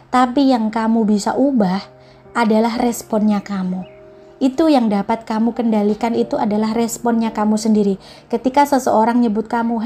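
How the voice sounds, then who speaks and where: A woman with a slightly high, mellow voice gives a casual motivational talk. She talks to the listener directly and gently, slipping English phrases into her speech. Soft background music plays beneath her voice. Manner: mixes English phrases into Indonesian. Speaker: motivational speaker.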